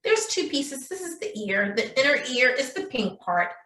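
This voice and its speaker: A woman preschool teacher talks at normal speed in a sharp, high-pitched voice with big pitch swings. Leading a craft lesson and reading aloud in sing-song style, she asks young children questions; the indoor audio is roomy and echoey.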